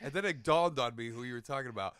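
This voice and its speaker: A man's voice: mid-range voice, fast talker, a bit bright, clean tone, dry recording. Laughing profane man on a comedy podcast. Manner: profane, riffing, laughing often. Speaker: podcast co-host. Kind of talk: casual comedic chat. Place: small recording room.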